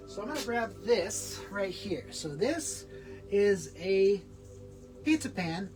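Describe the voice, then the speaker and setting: Halting, breathless man on a home stream. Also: high-pitched, low-quality recording. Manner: halting, rambling, many restarts. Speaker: vlogger. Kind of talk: casual live-stream vlog. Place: at home indoors. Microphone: camera on a small tripod.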